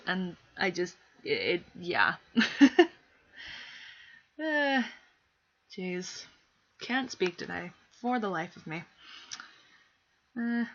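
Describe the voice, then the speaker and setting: A woman's voice: medium pitch, a bit bright. Giggly young woman with a scratchy throat. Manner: rambling, giggly, hesitant. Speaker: live streamer. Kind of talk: casual live-stream chat. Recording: dull lo-fi stream audio.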